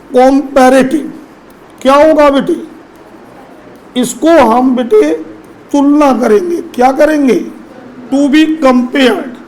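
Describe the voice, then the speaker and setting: High-voiced male teacher, slow and coaxing. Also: poor audio. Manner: addresses students as children, asks them questions. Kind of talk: classroom lesson on English grammar.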